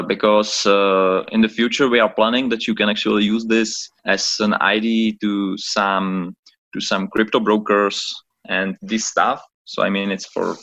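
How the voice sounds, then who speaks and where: Calling in from an office in Prague, a Czech man serving as chief of staff is interviewed as a podcast guest, talking hesitantly as he hunts for words. His voice is on the low side with a fairly bright tone, and the highs are cut off.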